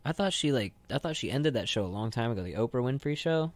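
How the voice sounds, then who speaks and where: Medium-pitched and animated, this young man talks at a quick pace while co-hosting a radio show in the studio. His chat is loose and rambling, and "like" comes up constantly.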